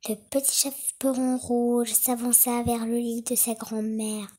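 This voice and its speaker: A woman narrating a children's fairy tale in an expressive, dramatic storytelling manner. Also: on the high side, unhurried.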